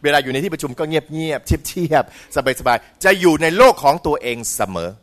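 A middle-aged man giving a humorous dharma talk in a school hall. He is animated, mimics voices for comic effect and keeps asking the audience questions. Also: a little high, normal speed. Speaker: Buddhist lecturer.

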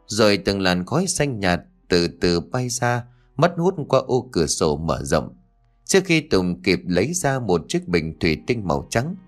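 A man narrating a story in an expressive, dramatic way. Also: on the low side. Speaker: audiobook narrator.

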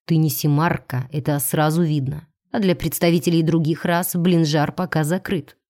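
A woman's voice: low-pitched, fairly even intonation, moderate pace, a little mellow, natural voice. A woman reading an audiobook, voicing a cold, commanding male alien starship captain. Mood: interrogating.

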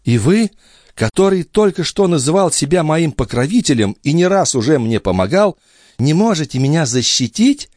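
A man's voice: on the high side, sing-song, normal speed, a little mellow, no echo, clean studio sound, pitched above the performer's own voice. A man voicing a sly young maid who pleads and coaxes, in an audiobook reading. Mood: pleading. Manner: pleading, coaxing. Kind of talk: audiobook character voice.

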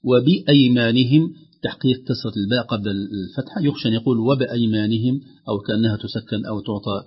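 A man with a husky, slightly breathy voice teaches Quran recitation in a calm, methodical way. He breaks off to recite short examples slowly and with a full voice. The sound is dull and muffled, like an old radio recording. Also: fairly low pitch.

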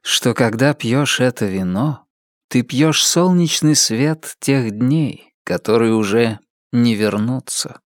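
An ancient angel from an audiobook speaks slowly and solemnly, played by a male reader. His tone is gentle and wistful, a little higher than the narration. The sound is dry and close. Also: lively intonation, dry recording. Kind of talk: audiobook character voice.

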